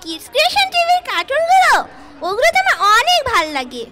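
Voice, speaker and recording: Very noisy recording of a children's puppet show. A goofy little kid puppet pipes up in an extremely high voice. The delivery is naive and excitable, swinging up and down through exaggerated questions. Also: female voice, quick pace, exaggerated voice. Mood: surprised, eager.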